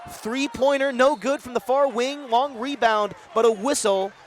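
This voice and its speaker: A man's voice: extremely high pitch, unhurried. Young man calling basketball play-by-play. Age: young adult. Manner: excited play-by-play calls, rising to shouts on scores. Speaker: student sportscaster. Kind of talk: sideline interview and play-by-play commentary.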